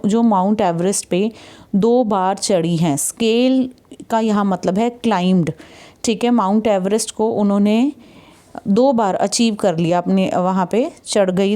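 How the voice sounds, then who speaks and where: A woman's voice: mid-range voice, dark tone. A woman with an Indian accent teaching an English textbook chapter, patiently explaining and often checking that students follow. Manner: patient, repeats "ठीक है" to check understanding; reads English passages slowly and deliberately.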